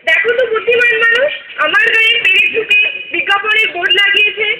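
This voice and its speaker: A woman's voice: extremely high pitch, quick pace. A woman voicing a grieving female nature spirit that speaks as a river and a tree, lamenting and preaching in rhyming verse. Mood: tearful pleading. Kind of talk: stage play acting. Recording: roomy echoey hall.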